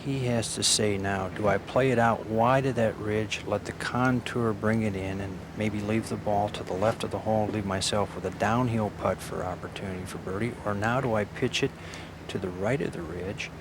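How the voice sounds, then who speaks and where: A man giving live golf commentary in a measured, analytical way, with short clipped phrases and pauses. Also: lowish voice. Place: outdoors at a golf tournament. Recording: noisy outdoor broadcast with crowd.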